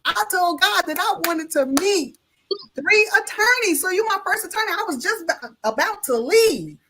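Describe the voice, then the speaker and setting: A woman's voice: extremely high pitch, moderate pace, slight background noise. A woman guest on a live talk show, telling a story in casual, colloquial speech, acting out the voices of the people in it and speaking of her faith, heard over a video call. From Illinois. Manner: lively storyteller who acts out each voice in the tale. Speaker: notary guest.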